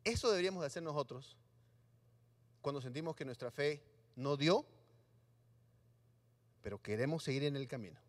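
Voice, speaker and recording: Animated, high-voiced preacher. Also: male voice, moderate pace, pauses often. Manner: animated, acts out voices of Bible figures for the congregation. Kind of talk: sermon. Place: church hall. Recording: live stream in a reverberant hall.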